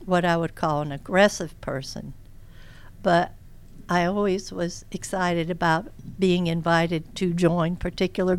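Very old woman, low clear voice. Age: elderly. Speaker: interview guest, career coach. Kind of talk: reflective interview conversation.

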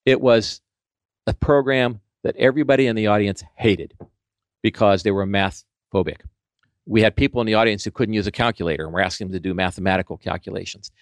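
A man's voice: on the low side, a little fast, no room sound. A middle-aged man who works as a training consultant, telling workplace stories in a conversational interview.

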